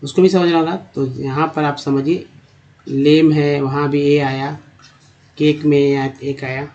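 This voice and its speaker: A man teaching English pronunciation to Hindi speakers, spelling out words and repeating each one slowly while quizzing the viewer. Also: a little high, a little mellow. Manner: repeats each word slowly, drilling vowel sounds; addresses viewers as friends, asks rhetorical questions. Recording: dull lo-fi recording.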